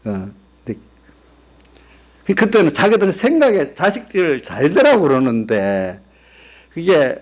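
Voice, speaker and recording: Korean pastor preaching in conversational style. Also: male voice, on the high side, huge pitch swings, unhurried, long pauses. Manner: conversational preaching with rhetorical questions to the congregation; tells personal stories, quoting family members. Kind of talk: sermon. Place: church sanctuary.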